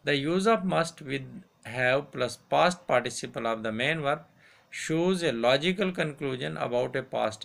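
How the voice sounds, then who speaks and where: A male teacher with a gravelly, creaky voice, pitched mid-range. He reads grammar rules and example sentences aloud, saying each one twice at a deliberate dictation pace. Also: fairly bright tone. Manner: repeats each example sentence slowly, switches to Hindi to explain. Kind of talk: grammar lesson, read aloud and repeated.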